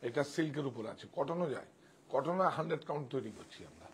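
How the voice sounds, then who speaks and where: A man's voice: on the high side, lively intonation, fast, slight background noise. A man selling saris on a live stream, chatting with viewers and directing helpers off to the side. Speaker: sari seller on a live sale.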